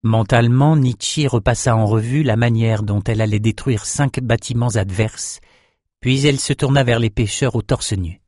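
A man reading a fantasy novel aloud in steady, measured scripted narration. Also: mid-range voice, no room sound, studio quality. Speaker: audiobook narrator.

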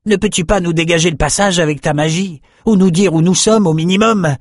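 A man voicing rough, hungry male soldiers in a fantasy audiobook, shouting and complaining. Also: sits high, brisk, no room sound, clean studio sound, pitched above the performer's own voice. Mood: pleading.

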